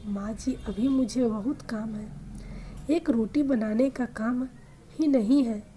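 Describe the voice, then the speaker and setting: A woman voicing an impatient, sharp-tongued young daughter-in-law who scolds curtly. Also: a little high, slow pace, a little hiss or hum. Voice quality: scolding, curt.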